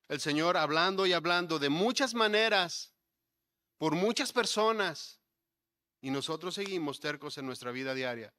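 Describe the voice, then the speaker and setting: A male pastor preaching a sermon, building to emphatic points and dropping to soft, low asides. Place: church sanctuary.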